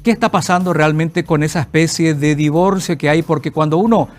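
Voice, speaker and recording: Un hombre con acento paraguayo, presentador que entrevista con preguntas largas y curiosas. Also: male voice, fairly high pitch, a little fast, soft background music. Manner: inquisitive, asks long framing questions. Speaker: TV host. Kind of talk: interview host.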